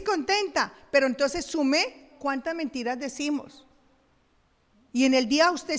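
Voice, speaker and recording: A middle-aged Colombian woman delivering a sermon from the pulpit, her voice pitched high. She is animated, acting out everyday dialogues and laughing at herself. The recording carries a long reverb from the church hall. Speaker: pastor.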